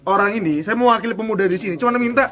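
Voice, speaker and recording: A man's voice: high voice, very fast, a crowd in the background. A man from Medan with a Medan accent, confronting others in a heated argument as a youth representative, combative and challenging. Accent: Medan Indonesian.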